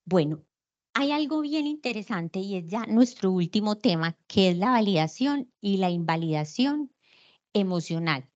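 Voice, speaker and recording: A woman's voice: medium pitch, lively intonation, moderate pace, a little mellow, lo-fi sound. A woman giving an online lecture, explaining patiently and asking rhetorical questions.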